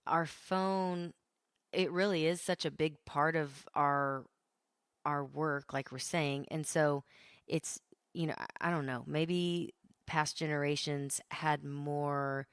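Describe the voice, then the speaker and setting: Woman, thirties, low smooth voice, hesitant, thoughtful co-host. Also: steady tone, slow, no echo, clean studio sound. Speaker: podcast co-host. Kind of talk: casual conversation.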